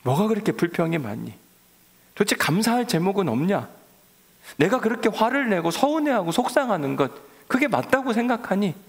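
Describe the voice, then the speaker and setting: A pastor doing God, grieved and reproachful. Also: male voice, high voice, very animated, brisk, creaky, in a large hall, voice pushed up, heavily acted. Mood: pleading reproach. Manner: pleading, reproachful questions. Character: grieved male God reproaching his prophet.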